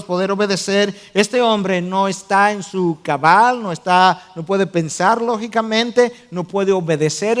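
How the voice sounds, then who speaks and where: A man's voice: high-pitched, a bit bright. A man pastor preaching a sermon, explaining the text step by step, defining original-language words and putting questions to his listeners.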